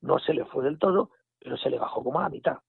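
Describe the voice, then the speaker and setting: Guy on a phone line retelling a story, slightly high voice, dry and close, lots of back-and-forth quotes. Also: fast, gravelly, husky, no room sound. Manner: animated retelling with quoted dialogue and restarts. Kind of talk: casual storytelling.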